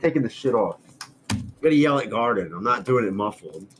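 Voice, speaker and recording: A man's voice: mid-range voice, expressive, brisk, noisy background. A man on a headset, bantering in voice chat in a brash, swearing, trash-talking way. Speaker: gaming buddy.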